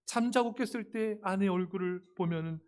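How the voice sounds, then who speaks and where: A man preaching a sermon with a notably high-pitched voice. He speaks straight to his listeners, animated and expressive, and slips into playful acted-out remarks to drive his points home. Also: normal speed, clean tone. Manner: addresses the congregation directly and often; animated, acts out everyday quotes with humor. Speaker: pastor.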